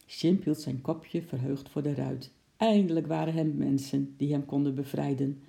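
A storyteller reads a children's book aloud in a calm, even manner. The voice is notably gravelly. Its timbre is very dark and mellow. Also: mid-range voice, moderate pace.

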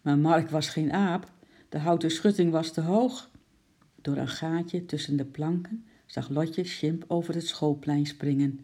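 A storyteller reading a children's story aloud in a calm, steady narration. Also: medium pitch, a little slow, slightly rough.

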